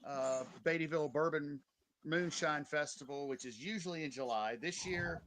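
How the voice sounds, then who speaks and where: A man's voice: a little high, moderate pace, fairly bright tone. A man casually telling rambling anecdotes as an interview guest. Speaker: event photographer, interview guest. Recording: clearly noisy background with clicks.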